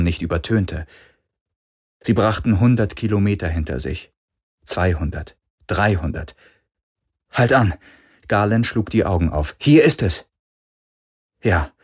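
Deep slow guy reading an audiobook, kinda husky. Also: darkish tone. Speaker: audiobook narrator. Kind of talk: scripted narration.

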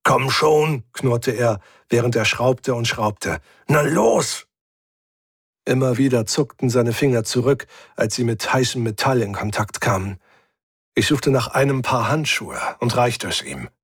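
A man's voice: moderate pace, slightly rough, no room sound, studio quality. A man narrating a first-person science-fiction audiobook, reading with tension and lifting his voice for the characters. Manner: tense, voices characters by pitching up.

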